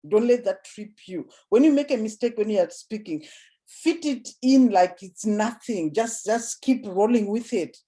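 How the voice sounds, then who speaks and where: Mellow-voiced woman coaching on public speaking. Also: animated, moderate pace. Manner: repeats and restarts words, drops voice low then lifts it to demonstrate. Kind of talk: casual spoken advice.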